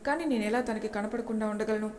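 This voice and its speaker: A woman's voice: mid-range voice, fast talker, darkish tone, a little hiss or hum, natural voice. A woman voicing an anxious young office worker who muses earnestly to himself. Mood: longing. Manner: worried, earnest inner musing. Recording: long reverb echo.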